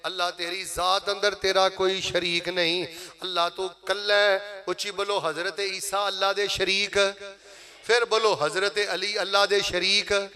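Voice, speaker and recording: A man with a Punjabi accent giving a sermon, calling on the crowd to repeat phrases aloud and breaking into slow chanted verses. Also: high voice, bright, forceful tone. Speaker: preacher.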